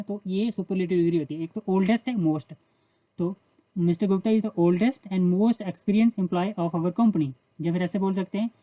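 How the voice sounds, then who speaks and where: Speaking Hindi, a woman with an Indian accent teaches English grammar, laying out the rules step by step and reading English example sentences slowly. Her pitch is medium, with no room sound and the highs cut off.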